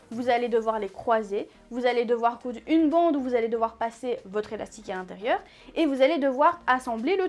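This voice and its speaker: A woman's voice: high voice, a little mellow. A woman gives a casual sewing tutorial, chatty and full of fillers and self-corrections. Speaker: sewing teacher.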